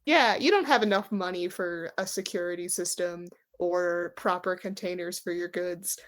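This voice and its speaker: Over background music, a woman game master narrates her tabletop roleplaying session at a moderate pace, her voice sitting on the low side. Her improvised narration is conversational and descriptive.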